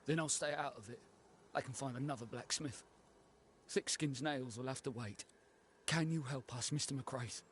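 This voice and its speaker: A man playing a nervous, secretive villager in a video game, halting and deferential as he speaks. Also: mid-range voice, a little hiss or hum, lightly acted. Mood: pleading.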